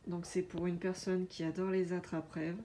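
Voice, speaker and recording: A woman chatting casually through a craft unboxing, hesitant with many filler pauses. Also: fairly low pitch, flat delivery, dark tone, a little hiss or hum. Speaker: diamond painting vlogger.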